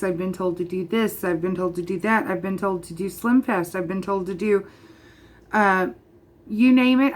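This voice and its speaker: A woman in her thirties ranting passionately to camera as a vlogger, emphatic and repeating her points straight to the viewer. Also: mid-range voice. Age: 30s. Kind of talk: passionate direct-to-camera rant.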